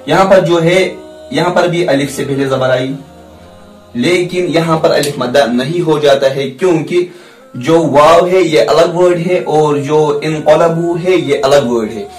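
A man with a slightly raised pitch explains reading rules at a very slow, deliberate pace, repeating each point and stretching the sounds of examples. His voice sits back from the mic in an echoey room. Faint music plays underneath. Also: darkish tone, distant mic. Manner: slow, repetitive explaining, drawing out example syllables. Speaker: Quran recitation teacher. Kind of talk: recorded lesson on Arabic reading rules.

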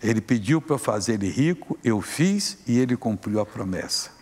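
A man's voice: fairly low pitch, lively intonation, moderate pace, darkish tone, husky, long reverb tail. A preacher voicing a lying, boastful male demon spirit that speaks defiantly and mocks. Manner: defiant, mocking, scornful.

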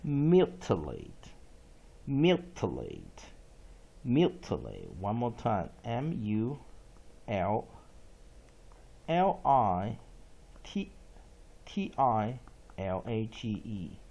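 A man teaching English spelling and pronunciation, spelling words out letter by letter and repeating each one slowly. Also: lowish voice, animated, darkish tone. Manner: slow, drawn-out repetition of words and letters.

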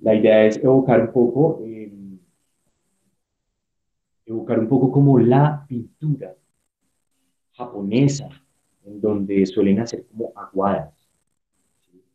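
Colombian man, art teacher, low voice, patient step-by-step, tinny echoey room audio. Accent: Colombian Spanish. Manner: patient, step-by-step, checks in often. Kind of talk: prerecorded online art class.

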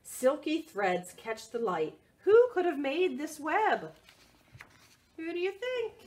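This female children's librarian reads a picture book aloud with a higher register and a slow pace. She is highly animated and expressive, stopping to pose questions to her little audience.

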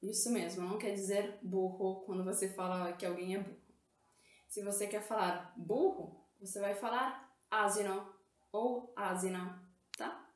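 A woman's voice: medium pitch, reverberant. A woman teaching Italian vocabulary in a lesson, explaining step by step and often checking in with her listeners. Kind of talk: language lesson.

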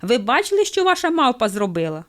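A woman voicing a male bartender who complains loudly and indignantly. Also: on the high side, animated, fairly quick, voice pushed up, lightly acted. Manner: indignant and loud.

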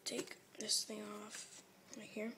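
A woman's voice: medium pitch, monotone, slow. A teenage girl whispering as she gives a late-night tour of her house, rambling with lots of fillers. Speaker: vlogger giving a home tour. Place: house at night, family asleep.

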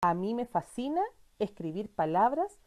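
A woman's voice: medium pitch, very animated, normal speed, darkish tone. A woman teacher, giving a reading lesson to young children in a patient, encouraging way and answering her own questions.

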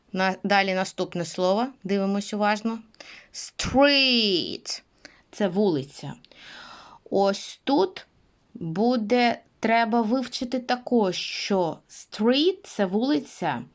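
A woman teaching English pronunciation, speaking patiently and repeating words for her students. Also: mid-range voice. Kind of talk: pronunciation lesson.

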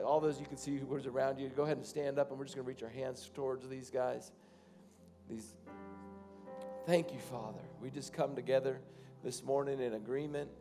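A pastor in his thirties, speaking in a warm, mid-range voice, addresses his congregation from a large indoor church stage. His sermon is loosely phrased and halting, then climbs into fervent prayer over the people.

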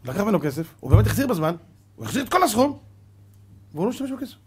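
A male rabbi giving a dramatic sermon, telling parables with lively acted voices. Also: high-pitched, slightly rough. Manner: dramatic storyteller, acting out parables.

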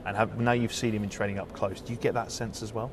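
A man's voice: lowish voice, little pitch movement, quick pace. A man working as a sports reporter, putting conversational questions in an interview. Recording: noisy location ambience.

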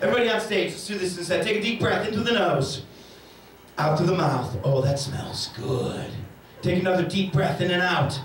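A middle-aged man working as a stage hypnotist, giving loud, profane commands and counting up to three in a live show, holding a handheld mic on a large theater stage. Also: high voice, normal speed. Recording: echoey hall from far off. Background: loud music and laughing crowd.

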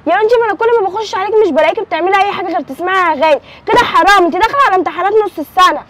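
A woman's voice: extremely high pitch, very fast, a crowd in the background. A woman with an Egyptian accent playing a strict mother who nags and scolds her daughter. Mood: scolding. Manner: scolding, nagging.

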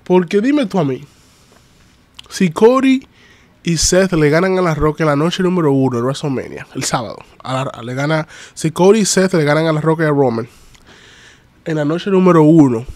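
A man recaps wrestling on a live stream, lively and chatty as he greets his chat. His voice sits a little high, and the recording is close and dry, with no room echo. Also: moderate pace.

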